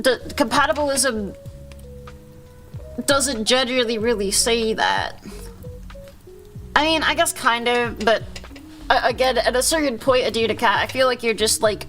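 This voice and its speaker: A woman hosting a casual livestream, chatting with viewers in a rambling, halting, slangy way with frequent self-interruptions and swearing. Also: fairly high pitch, a bit bright. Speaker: livestream host.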